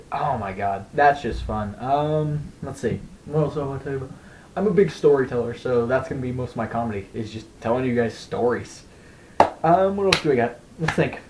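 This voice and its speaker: A man's voice: medium pitch, a little hiss or hum, low-quality recording. A young man telling stand-up style stories to camera in a casual, rambling way, acting out other people's voices. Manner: rambling, animated, breaks into laughs, acts out voices. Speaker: stand-up storyteller. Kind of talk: casual comedic storytelling to camera.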